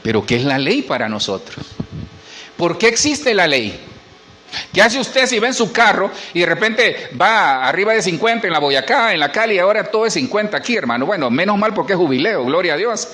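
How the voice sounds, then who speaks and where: A man's voice: high-pitched, very animated, a little fast, sharp tone. A middle-aged man, a pastor preaching a sermon in church and asking the congregation questions. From Honduras.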